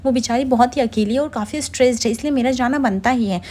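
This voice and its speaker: A woman retelling a TV serial quotes a sympathetic woman firmly explaining why she sides with a friend, speaking fast. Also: a little high, a little mellow, close to an everyday voice. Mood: persuasive. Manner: firm, persuasive.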